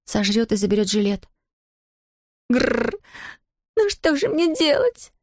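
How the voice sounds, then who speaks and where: A woman voicing a spirited, stubborn nine-year-old girl in an audiobook, with high, indignant outbursts. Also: fairly even intonation, normal speed, darkish tone, no room sound, studio quality, natural voice. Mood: fretful. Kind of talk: audiobook character voice.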